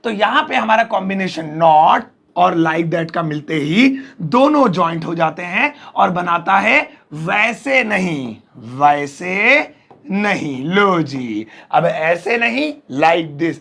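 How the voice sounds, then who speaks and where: A man teaching English phrases to Hindi speakers, drilling each phrase slowly word by word with playful asides to viewers. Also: high-pitched, animated, vocal fry, a bit bright. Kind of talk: Hindi-language English lesson.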